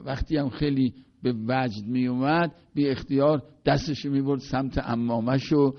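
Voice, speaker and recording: An older man giving a poetry lecture, slowly and more loudly reciting verses, then explaining them in easy everyday talk. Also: mid-range voice, fairly even intonation. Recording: dull lo-fi recording.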